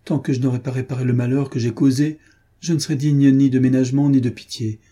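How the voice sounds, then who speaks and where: A man's voice: on the low side, normal speed, warm tone, husky. A man reading aloud voices a remorseful young woman who pleads earnestly and with feeling. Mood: fervent. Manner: emotional, imploring.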